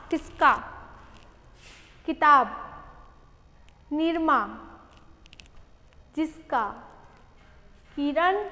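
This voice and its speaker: A woman's voice: very high-pitched, fairly bright tone, big-room sound. A woman teacher giving a patient online lesson to young children, asking questions and answering them herself.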